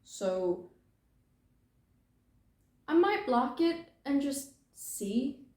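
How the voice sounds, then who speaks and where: A woman's voice: high-pitched, big pitch swings, drawn-out words, a little mellow. A young British woman hosting a knitting podcast, chatting casually from home in a rambling, self-deprecating way with plenty of filler words. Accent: British English. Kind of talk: casual chat. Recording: roomy echo.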